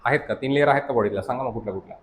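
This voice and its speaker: Marathi-accented male lecturer, mid-pitched, coaching-class style, quizzes the room, light room hiss. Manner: constantly checks understanding with quick questions to the class; mixes English terms into Marathi teaching. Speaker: science teacher at a coaching academy.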